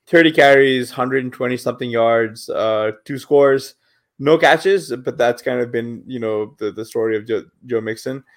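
Mid-pitched man rambling through analysis. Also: moderate pace. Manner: rambling, hedging with fillers. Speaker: podcast co-host. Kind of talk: casual sports analysis.

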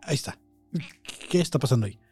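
Reacting to videos on his podcast, a man with a Mexican Spanish accent talks fast and animatedly in a casual, disbelieving way, full of fillers. His medium-pitched voice is husky and a little mellow. Soft music plays in the background, and a close studio mic picks him up.

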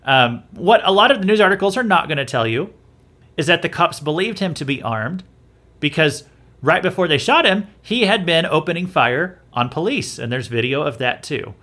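A man's voice: on the high side, expressive, moderate pace, sharp tone. A man hosting a podcast, talking through news in a casual, opinionated way, often restarting his sentences. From southern United States. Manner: conversational, repeats himself and restarts often. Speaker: podcast host. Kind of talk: opinionated commentary.

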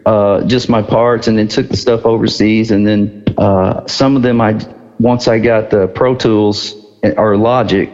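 A middle-aged man, a guest musician, telling stories in a relaxed way and laughing often. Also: lowish voice, a little slow, long reverb tail, muffled recording, faint music behind. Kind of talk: casual storytelling interview.

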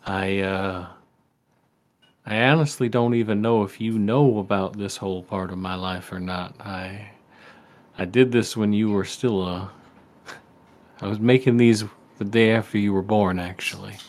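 A man playing the gentle spirit of a farm-raised father in improvised tabletop role-play, with a folksy, fatherly storytelling tone. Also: lowish voice, fairly even intonation, a little slow, natural voice. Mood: earnest, wistful.

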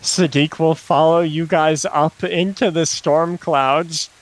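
A man's voice: on the high side, fairly even intonation, takes it slowly, poor audio. A man narrating and role-playing as game master in a casual tabletop game.

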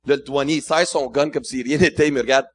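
A man's voice: medium pitch, fast talker. A man with a Quebec French accent, a podcast guest telling a story in casual chat and acting out voices in English. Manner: animated, acts out voices in English.

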